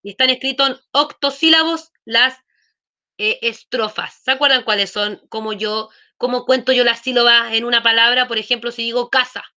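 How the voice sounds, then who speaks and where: Bright-voiced woman teaching class. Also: on the high side, fairly even intonation, normal speed. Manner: explains patiently, checks in often with questions. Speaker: schoolteacher. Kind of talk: online class lesson.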